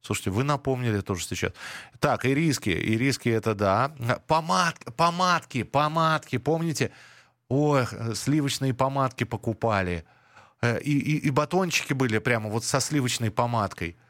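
A man hosting a radio phone-in, talking in a relaxed, reminiscing way and often restarting his sentences. His voice sits in an ordinary middle pitch. He sounds dry and close on a studio microphone. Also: moderate pace, no room sound. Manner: chatty, reminiscing, frequent restarts. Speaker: radio call-in host. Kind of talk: casual nostalgic phone-in chat.

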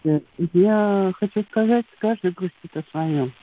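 A woman's voice: mid-range voice, slow, phone-quality sound, over music. A woman caller earnestly giving her opinion on a live show over a poor phone connection. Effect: phone sound.

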